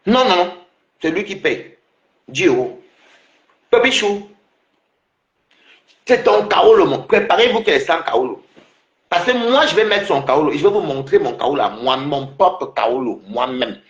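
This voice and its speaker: A man's voice: a little high, animated, normal speed, fairly bright tone, echoey room, highs cut off. A man taunting a rival on his livestream, repeating himself and laughing mockingly.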